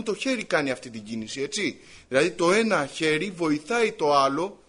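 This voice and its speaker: Guy preaching a sermon, kinda high voice, reads the scripture then talks to the congregation, earnest and pleading. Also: a bit bright, husky. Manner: reads scripture aloud, then explains it and addresses the congregation as brothers.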